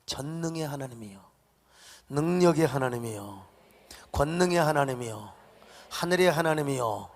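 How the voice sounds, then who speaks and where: A male pastor preaching a dramatic sermon, swinging between shouted exhortations and hushed asides, in a large church sanctuary. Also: mid-range voice, expressive, moderate pace, long pauses. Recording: long reverb of a church hall.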